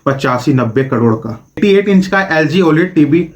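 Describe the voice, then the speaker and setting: A man's voice: a little high, lively intonation, normal speed. Brief Male host, political explainer, opinionated scripted commentary, asks rhetorical questions.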